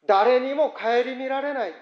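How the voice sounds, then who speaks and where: A man's voice: very high-pitched, a little slow, reverberant. Male pastor, earnest sermon, slightly muffled church recording. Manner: earnest, reflective preaching. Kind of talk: prayer and sermon.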